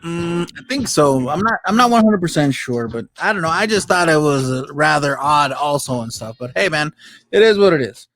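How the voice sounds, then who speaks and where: A man's voice: on the high side, lively intonation, moderate pace, a bit bright. A man from Texas hosting a casual talk show, griping about pet peeves in slangy, conversational speech full of rhetorical questions.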